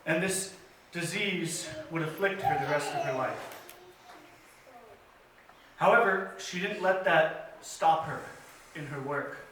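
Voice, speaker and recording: At church story time, a man retells a children's story in an earnest, measured way, with occasional pauses and fillers. His bright, fairly high voice is picked up by a distant mic in a very echoey sanctuary, with faint room noise behind him.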